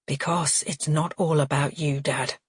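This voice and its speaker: A woman's voice: low voice, fairly even intonation, a little slow, slightly rough, full character voice. A woman voicing a tense grown-up son who answers his father in clipped, curt lines.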